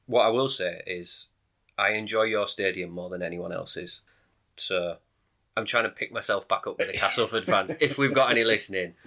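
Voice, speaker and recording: A man co-hosting a casual sports podcast, chatty and quick to laugh. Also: on the low side, bright, forceful tone. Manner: chatty, laughs readily, trails off mid-sentence. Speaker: podcast co-host. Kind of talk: casual chat.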